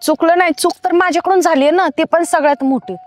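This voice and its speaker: A woman's voice: very high voice, fast, soft background music. A woman playing a curt, fed-up mistress. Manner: curt, dismissive. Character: fed-up married mistress, sharp-tongued. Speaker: married lover. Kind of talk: comedy film acting.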